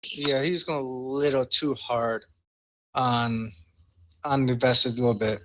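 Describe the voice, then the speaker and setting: A man in roleplay voice chat, speaking in a halting, hesitant way. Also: mid-range voice, steady tone, fairly bright tone, muffled recording.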